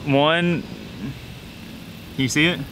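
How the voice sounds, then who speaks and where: A young man co-hosts a casual fishing vlog, talking to the camera with playful teasing and trash talk, first outdoors by a lake and then indoors at home. His voice is fairly high, steady, and a bit bright, with drawn-out words. The camera audio is noisy.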